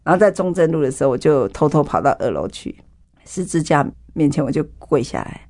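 A woman's voice: sits low, expressive, brisk, a little mellow. A woman with a Taiwanese Mandarin accent tells her own story as an interview guest. She speaks with feeling and acts out the voices of the people she describes. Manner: vivid storytelling, acts out dialogue. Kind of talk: emotional personal testimony.

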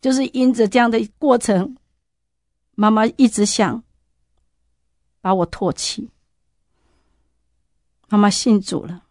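A woman gives an earnest personal testimony, speaking straight to her listeners with fervor. Her voice sits fairly high and is recorded close and dry, with no room around it. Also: takes it slowly, long pauses, a little mellow, no room sound. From Taiwan. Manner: earnest, heartfelt, addresses listeners directly.

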